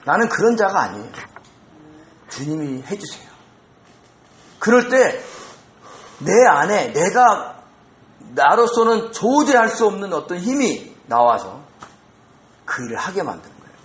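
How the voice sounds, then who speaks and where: A male pastor preaching an expository sermon in a church, animated and asking the congregation rhetorical questions. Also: high-pitched, unhurried, pauses often. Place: church sanctuary. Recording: roomy echo.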